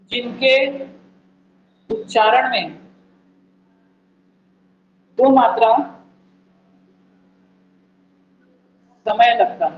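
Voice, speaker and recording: A male teacher giving an exam-prep lecture, repeating key points and firing quick questions at the listeners. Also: very high-pitched, highs cut off. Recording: echoey room, faint background noise.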